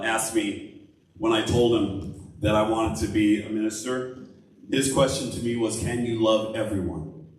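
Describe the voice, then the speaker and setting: Minister, male, earnest sermon delivery; distant mic in a very echoey sanctuary. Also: medium pitch. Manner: earnest, building to an impassioned call, then a soft prayer. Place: church sanctuary.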